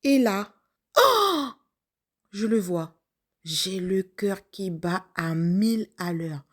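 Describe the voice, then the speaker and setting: A woman's voice: medium pitch, sing-song, takes it slowly, fairly bright tone, heavily acted. A woman acting out a young, lovestruck waitress who panics and keeps questioning herself. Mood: flustered. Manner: breathless, flustered self-questioning. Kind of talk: first-person story acting.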